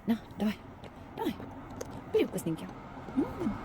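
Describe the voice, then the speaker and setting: A woman with a fairly high voice cooing and chanting in sing-song baby talk to stray dogs as she feeds them. She is recorded outdoors beside a road, with clear traffic noise behind her. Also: wildly swooping pitch, moderate pace. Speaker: volunteer feeding stray dogs. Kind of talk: casual vlog talk to dogs. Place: outdoors by a roadside dump. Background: passing cars and animal sounds.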